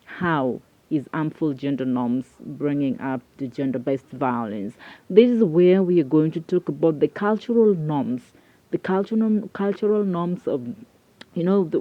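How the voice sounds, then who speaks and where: A woman hosting her own video channel, talking to camera in an earnest, halting way and often repeating words. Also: sits low, no room sound, phone-quality sound. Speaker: YouTube host. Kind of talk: casual talk to camera.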